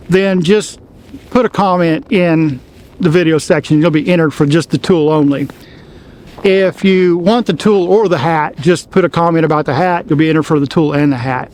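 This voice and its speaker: A man hosting a wildlife photography channel, outdoors at dusk, cold and talking fast as he explains a giveaway in a casual, repetitive way. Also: a little high, darkish tone, a little hiss or hum, rough recording. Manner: chatty, repeats instructions, talks fast.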